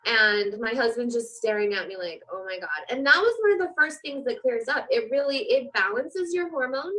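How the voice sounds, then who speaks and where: A woman in her forties chats casually on a talk show. Her voice sits a little high and sounds bright and sharp. She tells her stories with animation and slips into the voices of the people she quotes. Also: expressive, moderate pace, low-quality recording. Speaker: guest host. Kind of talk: casual chat.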